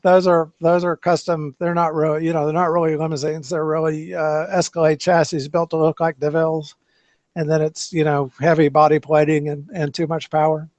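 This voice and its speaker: A man with a fairly high, darkish voice hosts a car podcast, delivering his rambling, often restarted sentences flatly and a little fast. The sound is dry, dull and lo-fi.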